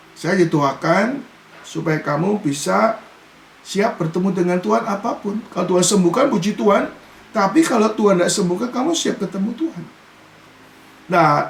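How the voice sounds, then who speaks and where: A male pastor preaching in a chatty, conversational way, keeps turning to address the congregation directly. His voice sits high for a man and carries a gravelly, creaky edge. The sound is echoey, as in a reverberant church hall. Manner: mixes in English "you" and casual Jakarta-style particles. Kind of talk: sermon. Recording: echoey room.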